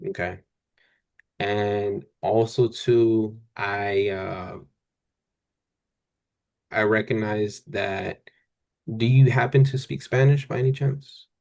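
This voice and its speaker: A man speaking as a calm, gentle therapist in a counselling role-play, asking questions in a halting, tentative way and often rephrasing. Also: lowish voice, creaky.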